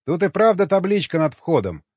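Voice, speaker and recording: An excitable cosmonaut calling out in a raised, high-pitched voice, as an audiobook reader plays him. The audio is slightly dull and lo-fi, and faint music plays behind it. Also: male voice, fairly quick, breathy edge, dry recording, full character voice. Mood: excited. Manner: excited, loud. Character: excitable male cosmonaut, shouting.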